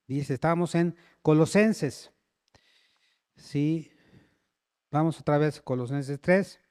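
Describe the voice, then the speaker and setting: A man's voice: fairly high pitch, takes it slowly, darkish tone, clean tone, no echo, studio quality. A man preaching a sermon, often checking in with the congregation and calling for amens.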